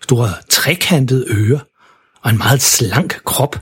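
A man reads a children's story aloud in simple, plain storytelling. His voice is very husky and breathy at an ordinary pitch. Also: a bit bright. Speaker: narrator. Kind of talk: storybook narration.

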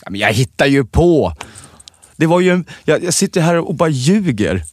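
Man, podcast co-host, joking storyteller, lively pitch, dry studio sound. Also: no room sound. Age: adult with children. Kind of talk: casual podcast chat.

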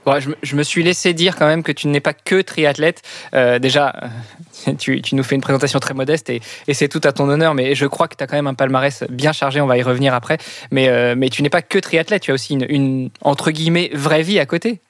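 A man's voice: medium pitch, steady tone, a little fast, dry recording, clean studio sound. A man hosting a podcast, friendly and joking, with frequent restarts. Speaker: podcast host. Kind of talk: podcast interview.

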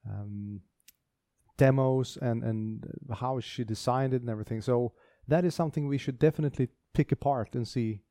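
A man's voice: medium pitch, normal speed, mellow, no room sound, studio quality. A man co-hosting a casual tech podcast, talking with enthusiasm and frequent restarts. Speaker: podcast co-host.

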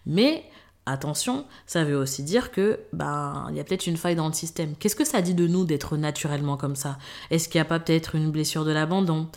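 A woman's voice: low-pitched, fairly quick, darkish tone. A woman hosting a podcast, talking casually and directly to the listener and repeating words for emphasis. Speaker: podcast host. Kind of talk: casual advice monologue.

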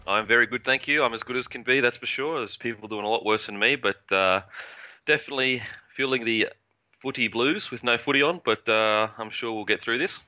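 A man's voice: mid-range voice, a little fast, bright, forceful tone. An Australian man speaking as a podcast guest in casual interview chat, on slightly dull audio.

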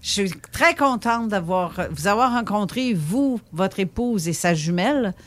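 A woman's voice: mid-range voice, lively intonation, a little slow. A woman with a Québécois French accent, co-hosting a podcast in a chatty, teasing way. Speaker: podcast co-host. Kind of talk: casual chat.

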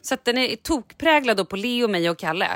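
A woman's voice: fairly high pitch, animated, fairly bright tone, dry recording, clean studio sound. A woman hosting a podcast in casual chat, telling a story with animation and acting out her own lines. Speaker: podcast host.

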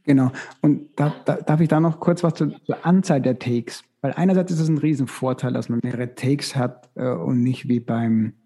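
A man's voice: mid-range voice, fairly even intonation, normal speed, hardly any pauses, warm tone. A man who works in casting, talking casually and reflectively, giving practical advice with frequent restarts. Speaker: casting director. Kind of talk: casual expert discussion.

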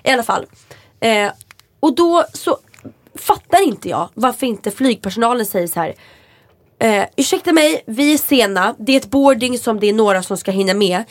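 A woman's voice: mid-range voice, dry recording. A woman co-hosting a casual podcast, telling stories and acting out what people said. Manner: animated storyteller, acts out quotes. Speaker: podcast co-host. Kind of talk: casual chat.

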